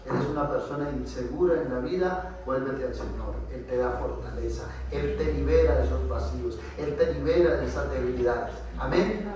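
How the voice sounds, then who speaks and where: Colombian male pastor, mid-pitched voice, sermon delivery with amens and questions to the flock, roomy hall sound. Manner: preaching with frequent amens and questions to the congregation. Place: church. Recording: echoey church hall, mic far off.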